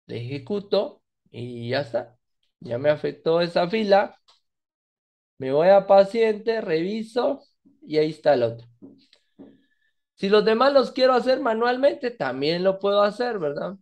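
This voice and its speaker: A man's voice: sits high, animated, unhurried, darkish tone. A man teaching a database lesson over a screen recording, walking through each step and often checking in with "¿verdad?". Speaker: database instructor. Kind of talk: screen-recorded coding tutorial.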